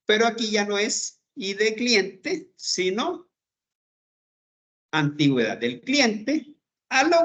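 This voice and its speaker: Slow, lively-voiced man teaching code. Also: high-pitched, dull audio. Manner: slow, step-by-step explaining, checks in with "¿verdad?". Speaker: programming teacher. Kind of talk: screen-recorded coding lesson.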